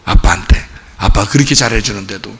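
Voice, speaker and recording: A male pastor preaching a sermon in a church, animated and acting out the voices he quotes. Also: lowish voice, a little fast. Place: church sanctuary. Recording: reverberant church hall with faint noise.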